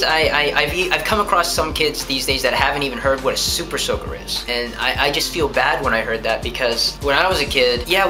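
A young man from New Hampshire chatting casually at home, answering viewer questions and rambling as he talks with his hands. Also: mid-range voice. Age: young adult. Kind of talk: casual vlog chat. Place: living room at home, indoors.

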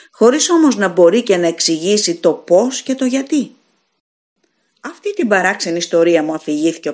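A woman narrating an audiobook of a gothic story in a measured, expressive way. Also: fairly low pitch. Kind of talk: scripted narration of a gothic tale.

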